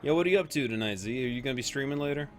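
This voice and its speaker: A man's voice: mid-range voice, expressive, very fast, faint music behind. A man streaming a video game live, chatting casually with viewers, reacting aloud to the play and laughing often.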